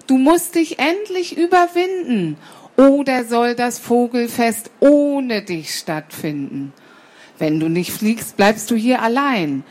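A stern father sparrow in a storybook, as a woman reading aloud puts him on, admonishing his child. The voice stays close to the reader's own, animated and lively in its pitch. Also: slow pace.

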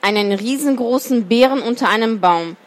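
A woman's voice: a little high, normal speed. A woman reading a children's story aloud as storyteller, then commenting with some hesitation. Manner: hesitant with fillers when commenting.

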